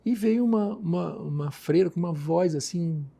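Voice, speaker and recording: A Brazilian man with a Brazilian Portuguese accent tells an earnest, devout story as a podcast guest. His voice is gravelly and warm, set a little high for a man. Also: moderate pace. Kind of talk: personal storytelling in a podcast conversation.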